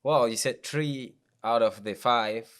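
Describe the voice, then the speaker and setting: A man's voice: mid-range voice, takes it slowly, fairly bright tone, smooth. A man hosting a casual interview, hesitant and encouraging, with frequent restarts. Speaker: podcast host.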